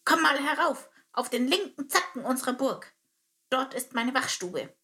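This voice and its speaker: A woman's voice: sits high, expressive, moderate pace, pushed and bright, voice pushed up, full character voice. A woman plays a stern male termite captain in a storybook reading, with a metallic, clipped voice. He barks out short military phrases, raised and a bit strained. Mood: friendlier. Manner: curt, clipped military commands.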